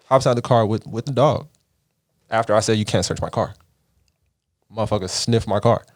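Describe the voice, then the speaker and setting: A man's voice: on the low side, moderate pace. A man from the Caribbean, hosting a podcast, telling a story in a casual, profane way and acting out the voices he quotes. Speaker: podcast host.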